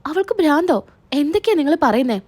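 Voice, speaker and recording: A woman's voice: sits high, expressive, fast. A woman reading the lines of a middle-aged father who indignantly defends his daughter.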